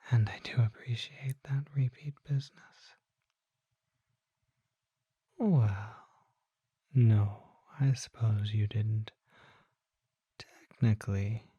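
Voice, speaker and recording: A soft-spoken performer, often whispering, takes on the role of a gracious and inquisitive vampire apothecary for ASMR, musing in a refined, relaxed way. The pitch sits at medium with a slightly rough texture, and there's no room sound at all.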